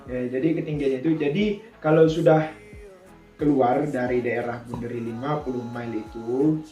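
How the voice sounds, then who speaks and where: An air traffic controller gives a relaxed, explanatory tutorial, chatting and thinking out loud as he asks and answers his own questions. His voice is mid-range and mellow, with a steady tone at a normal speed. The recording comes from an echoey room with music playing in the background.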